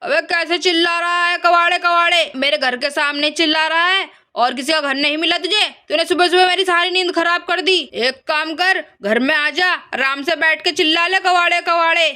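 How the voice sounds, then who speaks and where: A woman voicing a short-tempered old grandfather who scolds gruffly and speaks roughly. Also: high voice, normal speed, pushed and bright. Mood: scolding.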